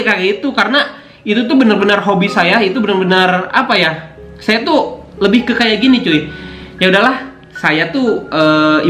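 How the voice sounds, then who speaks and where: This young male motovlogger on YouTube has a high voice with a fairly bright tone. He casually chats to camera as he unboxes his motorbike vlogging gear, slangy and filler-heavy, repeatedly dropping "cuy," in an echoey room where guitar music plays.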